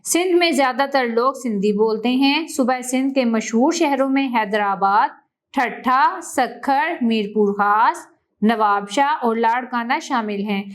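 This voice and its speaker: A woman teacher, reading a school textbook lesson aloud slowly and clearly to children. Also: a little high. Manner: slow, clear classroom reading, stressing each word in lists.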